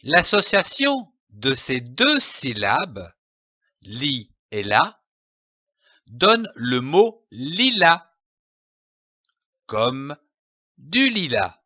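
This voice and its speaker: A man leads a slow pronunciation lesson, sounding out each letter and syllable with great care. His voice is bright and swings widely in pitch. The close voice-over is dry, with a slightly dull, lo-fi sound. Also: huge pitch swings, no room sound. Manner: spells out letters and syllables one by one. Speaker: French pronunciation teacher.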